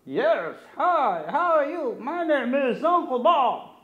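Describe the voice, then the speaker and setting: A man doing a high, slow, friendly English-only uncle. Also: sing-song, full character voice. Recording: roomy, slightly dull sound.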